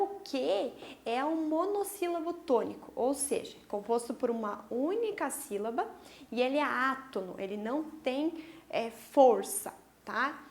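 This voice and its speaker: A woman teacher giving a recorded online grammar lesson to young pupils, explaining step by step and checking in with short tag questions. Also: high-pitched. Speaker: primary school teacher.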